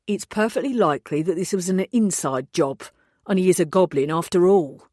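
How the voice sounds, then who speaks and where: A pompous male police inspector talks down to everyone, clipped and dismissive, in an audiobook, as a woman narrator puts him on. The voice sits low and the sound is dry and close. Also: normal speed, darkish tone, no room sound, close to an everyday voice. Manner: condescending, brusque.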